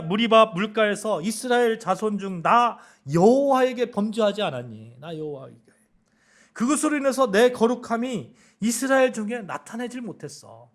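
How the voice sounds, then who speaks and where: A man voicing God as a stern, disappointed figure who rebukes Moses with pointed questions. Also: high-pitched. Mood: gently reproachful. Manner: reproachful questioning.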